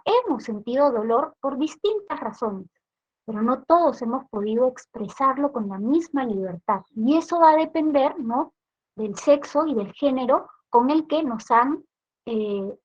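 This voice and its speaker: A high-pitched woman with a Peruvian accent leads a police training session, explaining slowly and checking in with her listeners. She keeps tossing in little tag questions. The recording sounds dull and lo-fi. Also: expressive. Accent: Peruvian Spanish. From Peru.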